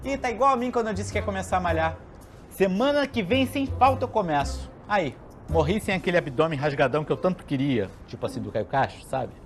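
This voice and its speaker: A man with a Brazilian accent playing a blunt, flippant spirit in a comedy sketch, breezy, slangy and deadpan. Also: sits high, a little fast, faint music behind. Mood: deadpan, teasing. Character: blunt, flippant spirit friend, casually tactless.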